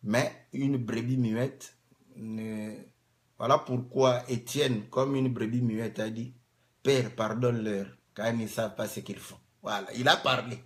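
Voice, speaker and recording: A man preaching a sermon, rising to loud emphatic peaks, acting out cries of pain and asking the congregation rhetorical questions. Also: medium pitch, steady tone, a little slow. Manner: acts out cries of pain to make a point; asks the audience rhetorical questions.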